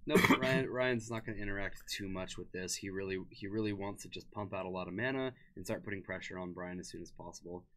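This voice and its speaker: A man co-commentating a card game stream in a relaxed, casual way, often repeating words as he starts a sentence. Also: low voice, fast, hardly any pauses.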